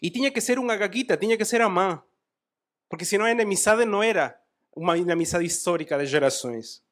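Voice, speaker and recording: A man preaching a sermon in a church, retelling a Bible story with animated asides. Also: sits high, quick pace.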